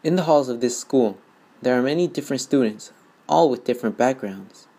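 A man narrating a school news report in a measured, formal, scripted way. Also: mid-range voice, lively intonation, breathy edge. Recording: voice-over under loud music.

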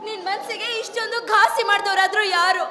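A woman's voice: very high voice, steady tone, fairly quick. A woman playing a caring young sister in a village stage drama, pleading with her brother. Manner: pleading, repeated calls. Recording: roomy stage, music and crowd.

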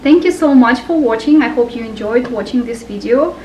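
A woman's voice: on the high side, expressive, brisk, a little mellow, slight background noise, low-quality recording. A woman hosting a cooking channel, giving a grocery haul voice-over and listing each item and its price carefully.

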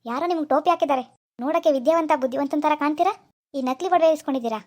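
A woman's voice: high-pitched, racing, a little mellow. A woman voicing an impatient scolding pawnbroker. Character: irritable male pawnbroker, bossy and scornful. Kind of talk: animated cartoon dialogue.

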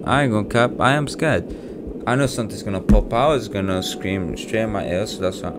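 A young man giving casual let's-play commentary on a horror game, jumpy and swearing, his voice jumping high when scared. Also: fairly quick, background noise. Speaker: gaming YouTuber.

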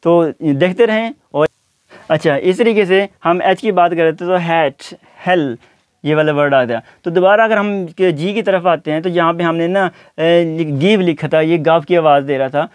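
A man teaching an English lesson, repeating each word slowly and deliberately. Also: on the high side, no echo. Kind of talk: spoken language lesson.

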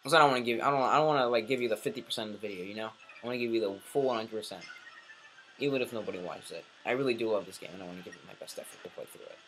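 A man doing casual let's play commentary, rambling and self-deprecating, muttering asides then bursting into sudden shouts at the game. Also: lowish voice, rapid-fire, a little hiss or hum. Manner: excitable, swings between mumbling asides and sudden shouts.

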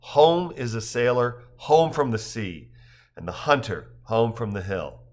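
A man voicing a bookish, wry adult man who recites poetry slowly in a measured way. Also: medium pitch, very animated. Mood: reciting. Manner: slow, measured verse recitation.

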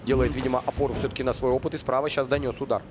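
Fast-talking male boxing commentator. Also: medium pitch, little pitch movement. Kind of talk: live sports commentary. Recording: arena crowd noise behind voice. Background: boxing crowd.

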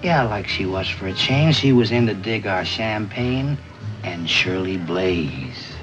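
A middle-aged American actor playing a self-important, laid-back beatnik club owner who jive-talks in rambling hipster slang in a 1950s TV drama. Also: male voice, fairly low pitch, animated, takes it slowly. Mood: wry, enthusiastic. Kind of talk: 1950s television drama acting. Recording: dull vintage TV soundtrack, music behind.

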